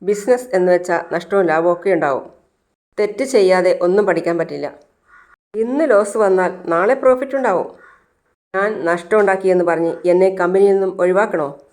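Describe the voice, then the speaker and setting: A woman's voice: lowish voice, moderate pace, a little mellow, close to an everyday voice. A woman voicing a stern, wealthy middle-aged father who lectures firmly. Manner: firm, lecturing.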